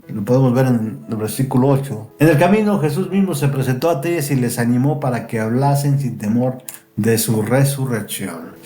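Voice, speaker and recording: A man reviewing a Bible lesson, reading scripture aloud and explaining it with pauses and restarts. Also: medium pitch, dark tone, roomy sound. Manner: explains and reads verses with fillers and restarts. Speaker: Bible study teacher.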